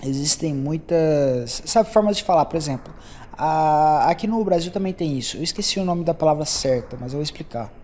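On his casual solo podcast, this young Brazilian host wanders between subjects in his Brazilian accent. He speaks at a moderate pace with lively intonation, a slightly high voice and a dark tone, over slight background noise.

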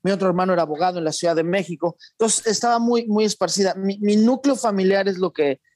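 A man, a guest in an interview, speaking in a reflective, measured way with some restarts. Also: high voice, a little mellow, no echo. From born in Argentina, raised in Mexico. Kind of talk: conversational interview.

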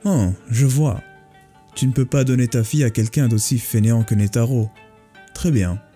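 A man's voice: medium pitch, normal speed, mellow, soft background music, lightly acted. A man voicing a young trickster who poses as a mountain goblin, giving haughty commands. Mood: commanding.

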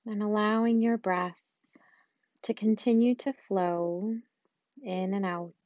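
A woman guiding a loving-kindness meditation in a slow, soft and soothing way, with long pauses. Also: mid-range voice, fairly even intonation, no echo, lo-fi sound. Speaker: meditation guide.

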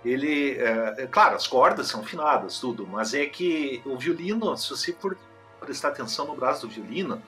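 A man's voice: mid-range voice, expressive, normal speed, a bit bright. A man, co-hosting a casual chat about classical music and explaining things eagerly, with many fillers and restarts. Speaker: co-host.

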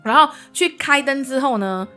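Animated Taiwanese woman telling a ghost story. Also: high voice, normal speed, faint music behind. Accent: Taiwanese Mandarin. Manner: animated, acts out quoted dialogue. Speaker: podcast co-host.

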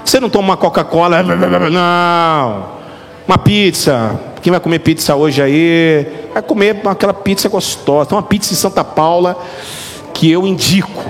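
A middle-aged man, a pastor, preaching a lively, joking sermon straight to his congregation. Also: sits high, normal speed. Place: church hall. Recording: reverberant hall with faint music.

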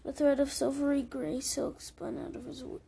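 Woman reading a novel out loud, high pitch, gravelly, stumbles and restarts sometimes. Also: level tone, noisy background. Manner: halting, with restarts. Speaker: reader.

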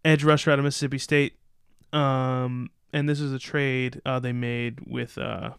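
A podcast co-host on a casual sports show reads out draft picks, then riffs with loose, opinionated takes. His mid-range voice is level and smooth with some vocal fry, at a moderate pace. The recording is dry with clean studio sound.

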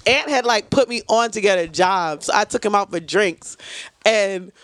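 A woman, co-hosting a casual podcast, telling animated stories and firing back quick comebacks. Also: mid-range voice, no echo, clean studio sound. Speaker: podcast co-host. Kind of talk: casual banter.

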